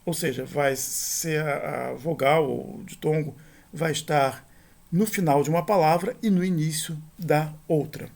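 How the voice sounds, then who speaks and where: A middle-aged man with a gravelly edge to his slightly high voice, walking students through a recorded grammar lesson. He talks patiently and explains things step by step. He repeats his points and keeps checking in with a quick "right?" tag. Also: darkish tone. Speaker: teacher.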